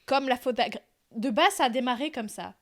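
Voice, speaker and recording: A woman co-hosting a relaxed podcast, her voice sitting a little higher than most. She talks in an animated way, laughing often and restarting her sentences as the ideas come. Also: a little fast. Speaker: podcast co-host. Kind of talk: casual chat.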